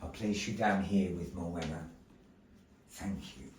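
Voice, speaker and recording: Heavy background noise surrounds a low-pitched man speaking a little slowly as he narrates a live puppet show at a gallery. He's playful and theatrical, talking with the audience between parts of the tale, captured by a distant mic in an echoey room.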